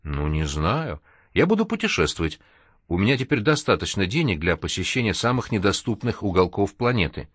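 A man's voice: lowish voice, very animated, fairly quick, husky, no echo, studio quality. A man reading an audiobook, voicing a complaining, resentful young male artist. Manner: whiny, complaining.

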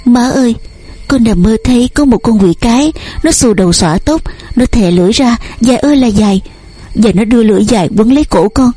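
Woman reading a scared, weepy young daughter in a storybook, pitched a little higher, soft breathy tone. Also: animated, a little fast. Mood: tearful. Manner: pleading, sobbing.

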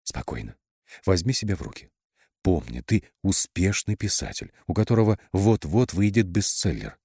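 A man voicing a wry young woman on the phone who speaks softly, like a meditation recording. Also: sits low, big pitch swings, normal speed, vocal fry, husky, no room sound, studio quality, full character voice. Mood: soothing.

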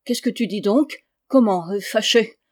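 A gruff, blustering farmer father from a classic storybook, read by a woman. He speaks in a plain, mid-pitched voice. The reading stays close to the reader's own tone. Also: a little slow, darkish tone, natural voice.

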